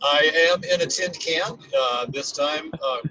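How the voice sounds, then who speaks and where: A man's voice: a little high, a little slow, pushed and bright, a little hiss or hum. Man sounding boxed inside a tin can. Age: 60s. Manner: rambling, hesitant, trailing off mid-thought. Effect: tinny, boxed-in sound as if inside a tin can. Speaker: podcast co-host. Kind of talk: casual chat. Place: inside a rental car on the road. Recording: dull lo-fi remote line from a car.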